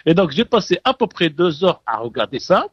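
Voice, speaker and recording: A man's voice: on the high side, big pitch swings, brisk, breathy edge, lo-fi sound. A man giving a live radio field report as a correspondent, hesitant with many fillers but emphatic.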